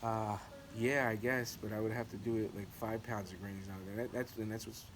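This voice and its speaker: Male vlogger, on the low side, loose hesitant rambling delivery, noisy background. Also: steady tone, moderate pace. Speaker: vlogger, home brewer. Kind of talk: casual rambling vlog chat. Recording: noisy recording with clicks.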